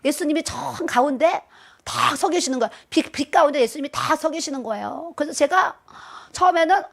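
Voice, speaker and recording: A woman's voice: high voice, brisk, vocal fry. A woman, a pastor's wife, preaching a sermon and telling her own testimony in a dramatic storytelling manner, often quizzing her listeners.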